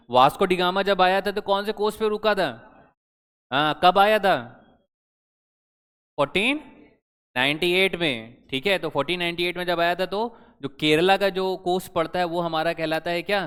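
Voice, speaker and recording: Recorded with a long hall reverb, this exam-prep lecture on current affairs comes from a young man whose high voice is clear, resonant, and fairly bright. He stays chatty and constantly fires questions at his students.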